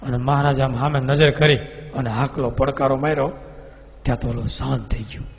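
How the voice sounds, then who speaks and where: A male preacher, telling a devotional story with vivid, animated delivery. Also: mid-range voice, a little fast. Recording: reverberant hall.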